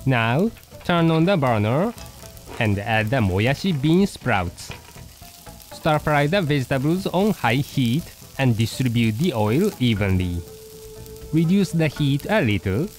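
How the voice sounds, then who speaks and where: A calm poodle cooking host , given voice by a man, walks the listener through each step of a recipe. The delivery is slow and unhurried, with an expressive rise and fall in the pitch, in a middle register. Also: faint music behind, low-quality recording. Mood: patient. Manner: slow, deliberate step-by-step instructions. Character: a poodle dog hosting a cooking show, calm and patient. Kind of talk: scripted recipe narration.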